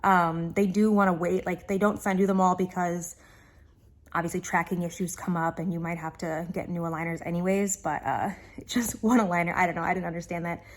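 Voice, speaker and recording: A woman's voice: fairly low pitch, steady tone, a little fast. A woman vlogger chatting casually to viewers, with a slight lisp from wearing dental aligners like a retainer.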